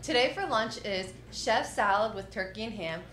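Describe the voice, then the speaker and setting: A teenage girl reading the school's morning announcements over the intercom in a steady, clear way, with a brief giggle now and then. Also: mid-range voice, normal speed, roomy sound, a little hiss or hum.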